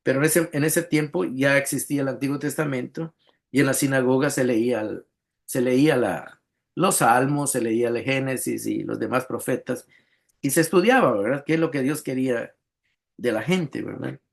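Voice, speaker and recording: A man's voice: mid-range voice, normal speed, creaky. Man preaching in a conversational sermon. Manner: conversational preaching, frequent "¿verdad?" tags and repeated words. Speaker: pastor.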